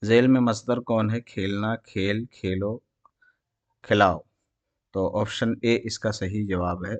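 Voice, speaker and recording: A man with an Indian Urdu accent runs through exam quiz questions in a low voice. He reads out each set of options and then explains the correct answer. The recording is close and dry, with no room echo. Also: fairly even intonation. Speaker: teacher. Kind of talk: exam prep lesson, reading quiz answers.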